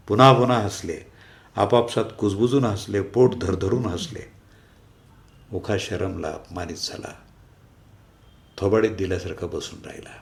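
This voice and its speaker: A man narrating a story aloud in a calm, measured manner. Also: fairly low pitch, vocal fry. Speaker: story reader.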